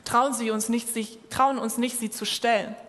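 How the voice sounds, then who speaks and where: A woman preaching with a fairly high voice. She speaks directly to her listeners and urges them on. Her voice rings with a long reverb, as if she is in a church hall. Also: steady tone, moderate pace, a bit bright. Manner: direct, encouraging address to listeners. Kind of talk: sermon.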